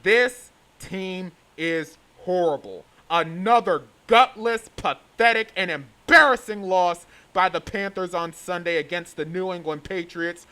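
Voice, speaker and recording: Male sports host, high voice, exasperated, emphatic delivery, opinionated rant to camera. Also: a little slow, hardly any pauses, pushed and bright, low-quality recording.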